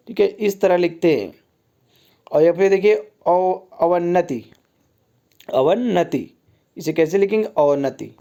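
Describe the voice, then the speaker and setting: A man's voice: fairly high pitch, warm tone. A man tutoring Hindi spelling for an exam, repeating each wrong and right form in a patient, drilling way. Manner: repetitive teacher, keeps saying "ठीक है" and contrasting wrong and right forms. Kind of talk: exam-prep lesson on spelling.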